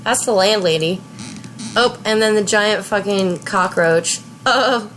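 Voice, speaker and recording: Slow, chatty woman commenting on a game. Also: medium pitch, slight background noise, low-quality recording. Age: 30s. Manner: chatty, relaxed, slow talk. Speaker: let's play host.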